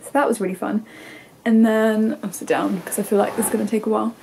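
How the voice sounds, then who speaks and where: A young English woman in her twenties, congested and stuffy-nosed, vlogs from her bedroom with a camera at arm's length, rambling with many ums and likes. She speaks fast in a steady, mid-range voice that is darkish and slightly rough with vocal fry. The recording quality is low.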